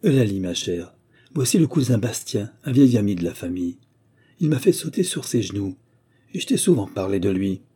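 Un homme qui joue un père jovial et chaleureux. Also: male voice, fairly low pitch, very animated, a little fast, breathy edge. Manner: warm, hearty exclamations. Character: cordial middle-aged father, a country judge.

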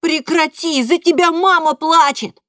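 A woman voicing a young boy who shouts at his father through tears, read as an audiobook. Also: extremely high pitch, steady tone, measured pace, no room sound, studio quality, voice pushed up. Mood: desperate. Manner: shouting, crying.

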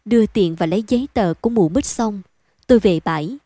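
A woman reading a bedtime story aloud in a calm, even storytelling manner. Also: medium pitch, brisk, no echo.

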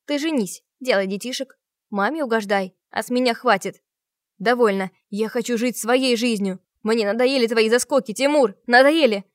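A woman voicing a defiant, sharp-tongued young heroine who raises her voice and speaks sarcastically in an audiobook. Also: mid-range voice, fairly quick, no room sound, clean studio sound, close to an everyday voice. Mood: heated sarcastic. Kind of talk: audiobook character reading.

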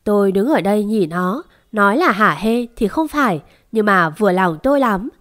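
A woman tells a first-person story. Her narration is dramatic, and she voices heated quarrels with sharp bursts. Her pitch sits in the middle range. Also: lively intonation, moderate pace.

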